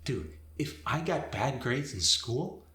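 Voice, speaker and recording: A chill, dim young Valley guy for a comic nineties character demo. His valley-girl drawl is slow and swoops widely, with rising ends and constant "like" and "bro", in an echoey room. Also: medium pitch, very animated, bright, forceful tone, pitched above the performer's own voice, full character voice. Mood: slangy, breezy. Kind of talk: comic character demonstration in accent lesson. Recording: roomy echo.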